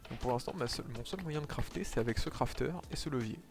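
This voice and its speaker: Guy streaming a game, mid-pitch voice, chatty, lots of ums, faint music behind. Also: animated, fast talker, vocal fry. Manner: chatty, many fillers, explains as he plays. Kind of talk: casual gameplay commentary.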